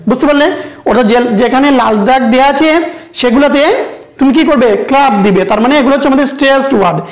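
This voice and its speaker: A woman teaching an English lesson to young pupils, chanting rhymes slowly and asking coaxing questions. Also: sits high. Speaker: primary school English teacher. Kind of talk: televised classroom lesson. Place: school classroom or studio. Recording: roomy echo.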